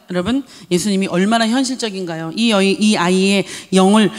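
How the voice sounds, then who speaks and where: A woman pastor preaching a sermon with emphasis, asking the congregation questions and acting out quoted voices. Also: medium pitch. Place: church sanctuary. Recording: long church hall reverb.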